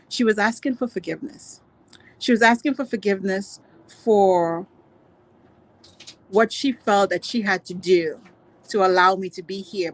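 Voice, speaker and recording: Woman, low-pitched, dry video-call sound, reflective storyteller, unhurried. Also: dry recording. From Grenada, raised in Trinidad and Tobago. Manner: earnest, unhurried, many "you know"s. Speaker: guest speaker.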